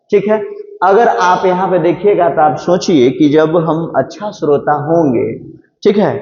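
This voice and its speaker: A man's voice: sits high, a little mellow. Man teaching in an echoey classroom. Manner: explains step by step in Hindi, reads English options slowly. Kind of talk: exam-prep lecture. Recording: echoey room, dull lo-fi sound.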